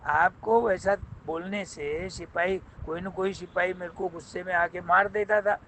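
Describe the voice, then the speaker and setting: A man voicing a wise, calm prime minister in a told folk tale, patiently explaining a lesson. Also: sits high, moderate pace, a little hiss or hum, poor audio.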